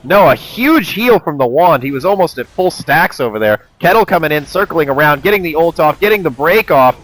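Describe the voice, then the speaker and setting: A man doing live play-by-play esports commentary, excitable, with his voice climbing as the action builds. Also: a little high, brisk, rough recording.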